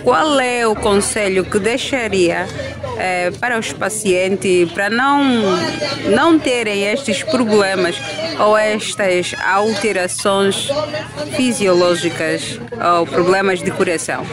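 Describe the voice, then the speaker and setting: A woman's voice: mid-range voice, takes it slowly. A woman reporter, putting a formal, hesitant question to a doctor at an outdoor health fair. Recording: crowd noise behind.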